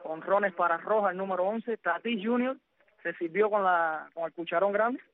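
High-voiced man reading baseball scores. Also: normal speed. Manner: methodical, frequent "eh" fillers. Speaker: sports radio host. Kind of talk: baseball results rundown. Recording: dry, phone-like narrow sound.

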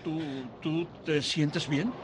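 A man's voice: a little high, steady tone, slow pace, slight background noise. An actor voicing a blunt, caring small-town policeman in a dubbed film drama. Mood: concerned.

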